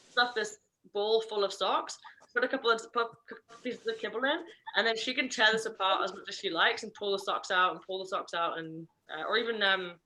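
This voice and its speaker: A woman dog trainer teaching an online puppy class, chatty and self-correcting, sometimes slipping into a playful high voice. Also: sharp tone.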